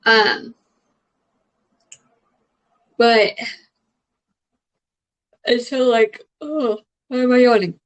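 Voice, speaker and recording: A young adult woman comedian with a medium-pitched, slightly bright voice chats casually while answering questions. She rambles, uses lots of fillers and swears casually, and the recording sounds rough.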